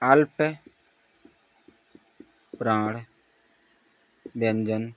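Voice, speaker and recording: A man's voice: on the low side, fairly even intonation, extremely slow. A man teaching a lesson, drilling letter sounds aloud and asking and answering his own questions. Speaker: Hindi teacher. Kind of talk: exam-prep lesson. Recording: dull, lo-fi recording.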